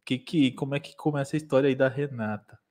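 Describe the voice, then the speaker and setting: A man's voice: mid-range voice, fast talker, dark tone. A man with a Brazilian accent hosting an interview, introducing the guest with flair and asking questions. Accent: Brazilian Portuguese. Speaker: host. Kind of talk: podcast hosting.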